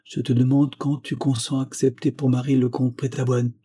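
A frail old grandfather, pious and tender, pleading with soft earnestness, as a male reader voices him. The voice is dark and mellow with a husky edge, in a storybook reading. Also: mid-range voice, little pitch movement, brisk, natural voice. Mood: pressing.

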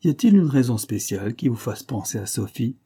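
A man voicing a skeptical, sarcastic gentleman investigator in an audiobook, with a dry, measured delivery. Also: mid-range voice, lively intonation, slightly rough.

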